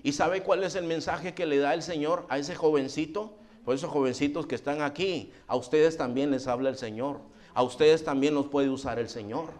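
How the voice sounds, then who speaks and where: A man's voice: on the high side, moderate pace, few pauses, darkish tone. A man preaching a fervent sermon as a pastor, constantly addressing his listeners as brothers.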